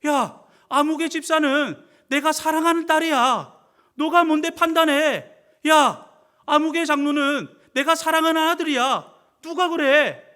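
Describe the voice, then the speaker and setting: A man's voice: extremely high pitch, unhurried, pitched above the performer's own voice, heavily acted. A man voicing Jesus as a protective figure who warns others off his people. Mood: emphatic. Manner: emphatic, forceful. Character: loving, protective Jesus warning off accusers.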